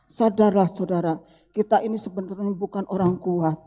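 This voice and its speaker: A woman's voice: medium pitch, fairly even intonation, moderate pace, mellow. A middle-aged woman pastor preaching a sermon, phrases rising with emphasis and falling away at each line's end. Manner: addresses listeners as brothers and sisters, rising emphatic phrases dropping at the end. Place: church hall. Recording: long hall reverb.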